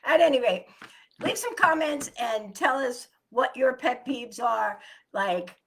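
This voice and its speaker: A woman's voice: fairly high pitch, expressive, slow pace, fairly bright tone, husky. A woman co-hosting a casual morning chat show, talking in a chatty, loose way and laughing often.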